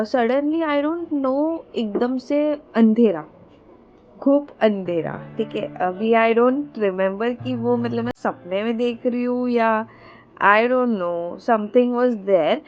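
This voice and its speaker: A woman's voice: a little high, a little mellow. A young woman tells a personal ghost story in casual, rambling talk, mixing in English phrases as she does her makeup. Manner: rambling, switches between Hindi and English mid-sentence. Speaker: vlogger.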